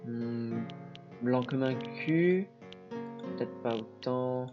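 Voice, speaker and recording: A young man streaming a game live, casual and jokey, muttering then suddenly shouting, with swearing. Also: medium pitch, extremely slow. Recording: dull lo-fi stream audio with faint game music.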